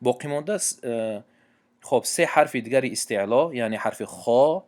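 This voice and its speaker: A man with a Tajik accent teaching tajweed, reciting Quranic examples slowly and drawn out, then explaining quickly with hesitations and self-corrections. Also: medium pitch, lively intonation, a little mellow.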